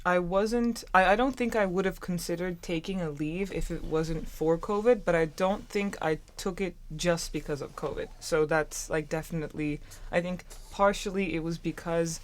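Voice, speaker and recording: With a fairly low voice and a moderate pace, this student co-host barely pauses as she tells her story in a chatty, casual way, restarting often. She's in her twenties, comes from Turkey, and speaks German natively.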